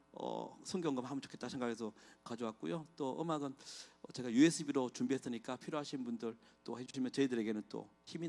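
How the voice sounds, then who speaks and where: A middle-aged man, a pastor, giving an impassioned testimony sermon in a church and asking the congregation rhetorical questions. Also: mid-range voice. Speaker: guest pastor. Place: church sanctuary.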